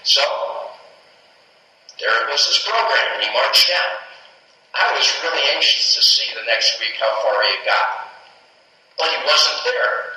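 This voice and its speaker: Guy telling a prison ministry story, chatty, bright sharp voice, sounds far off. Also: mid-range voice, lively intonation, normal speed. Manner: chatty storyteller, chuckles, fillers. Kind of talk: personal testimony talk. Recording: echoey room, voice from off-mic.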